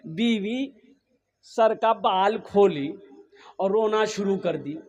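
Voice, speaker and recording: A man preaching a sermon in an animated storytelling style, acting out the characters' voices. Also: high voice.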